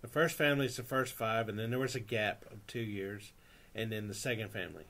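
Texas teacher guest, bright voice, easygoing jokes. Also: male voice, fairly low pitch, steady tone, a little fast. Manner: laid-back, joking. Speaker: guest, high school teacher. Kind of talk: casual chat.

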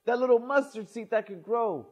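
In a small indoor church sanctuary, a middle-aged male pastor preaches from the pulpit, reading a gospel passage and explaining it. His voice sits high for a man and keeps a normal speed. He's animated and expressive, swinging from loud to nearly quiet.

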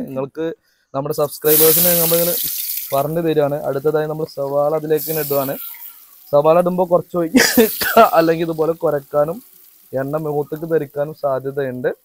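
A man's voice: on the high side, slight background noise. A man doing casual vlog narration outdoors behind a house, chatty and talking straight to viewers with teasing asides. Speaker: family vlogger cooking.

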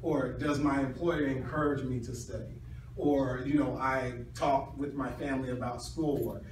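At his doctoral defense, a middle-aged man answers questions with a hedging, halting academic explanation full of restarts. His voice is medium-pitched and a little mellow. A distant camera or phone across a small university classroom records him, so the sound is echoey and noisy.

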